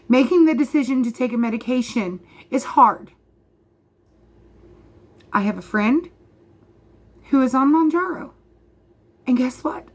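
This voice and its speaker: A woman in her thirties ranting passionately to camera as a vlogger, emphatic and repeating her points straight to the viewer. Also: high-pitched. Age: 30s. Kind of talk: passionate direct-to-camera rant.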